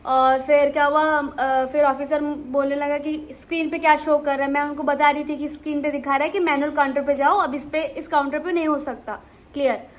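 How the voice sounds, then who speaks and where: High-voiced woman telling a travel story. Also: brisk. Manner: animated, many restarts and fillers. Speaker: vlogger. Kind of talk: casual storytelling to camera.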